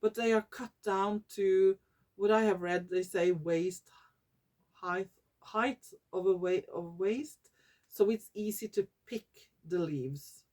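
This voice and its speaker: In a casual talking-head vlog, a woman from Norway speaks English as her second language, often pausing to find words and fixing herself. Her voice is medium-pitched and darkish, slow, and full of fillers and self-corrections.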